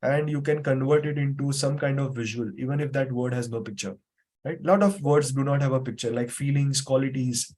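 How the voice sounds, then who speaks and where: Over a video call, a man runs a live online memory class, patiently going over points again and filling gaps with fillers. He speaks briskly at a medium pitch, with fairly even intonation and a darkish tone.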